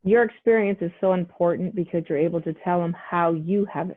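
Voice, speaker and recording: A woman co-host in a middle pitch speaks warmly supportive and encouraging to her guest. The sound is dull and lo-fi. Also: a little fast. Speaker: podcast co-host. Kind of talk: casual conversation.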